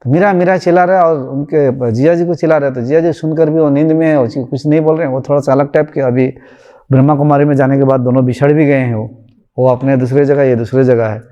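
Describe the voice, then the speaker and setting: A man's voice: medium pitch, steady tone, quick pace, dark tone, dull audio. A man, a spiritual teacher, giving a conversational storytelling talk and acting out the voices of the people in his story.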